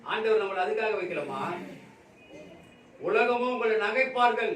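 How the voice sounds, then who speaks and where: A man preaches a Sunday sermon in a high, carrying voice, hammering the same phrases again and again. His delivery swings between loud raised exhortation and quiet, low stretches. He is picked up from a distance in an echoey hall with a faint hum behind him. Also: normal speed. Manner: emphatic preaching with repeated phrases. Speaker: pastor. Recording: echoey room, from far off, faint background noise.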